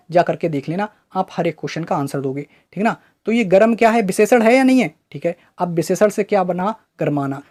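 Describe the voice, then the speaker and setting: Teacher asking quick rhetorical questions. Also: medium pitch, darkish tone. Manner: quizzes listeners with rhetorical questions and answers them; keeps checking understanding with "right?" tags. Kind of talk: online exam-prep grammar lesson.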